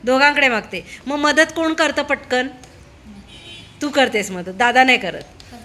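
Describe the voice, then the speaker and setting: High bright woman coaxing schoolkids. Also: animated, unhurried. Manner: prodding, coaxing with repeated questions. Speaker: interviewer questioning schoolchildren. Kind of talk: casual questioning of a class.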